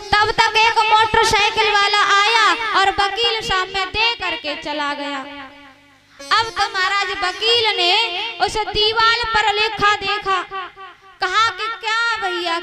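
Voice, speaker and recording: High, slow-spoken woman giving a devotional discourse over loud music. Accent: Hindi. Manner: slow, storytelling, breaks into sung chaupai. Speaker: kathavachak, religious storyteller. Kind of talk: devotional discourse with sung verses.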